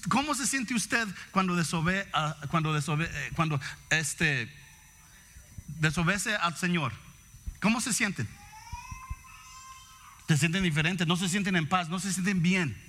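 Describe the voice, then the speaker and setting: A man's voice: sits high, expressive, unhurried, long pauses, bright, forceful tone. A man preaching a sermon, reading scripture and reflecting on it, often asking the congregation questions.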